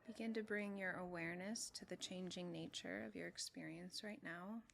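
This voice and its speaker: A meditation teacher guides a meditation in a slightly low, very even-pitched voice, speaking gently in short, measured phrases separated by long pauses. The recording is clearly noisy, with faint noise and room ambience behind her.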